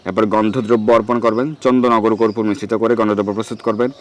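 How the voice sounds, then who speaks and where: A man giving devotional instruction in a steady, measured way and reciting mantras. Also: on the low side. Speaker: religious instructor.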